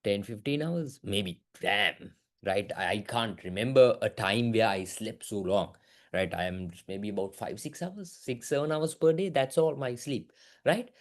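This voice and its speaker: A young man teaching an online business class, asking lots of quick questions. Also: on the low side. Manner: lively, keeps asking "right?", mixes in Sinhala words. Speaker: business studies tutor.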